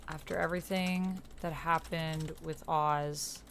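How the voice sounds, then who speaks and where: Her voice low, steady, and gravelly, a woman takes her time as she chats on a livestream while playing a text roleplaying game. She thinks aloud and reads messages out as she types, and the typing is clearly audible as background noise.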